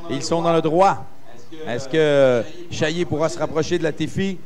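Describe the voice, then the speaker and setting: A man's voice: fairly high pitch, moderate pace, darkish tone. A man giving live motorsport commentary, hesitating with frequent filler sounds between phrases.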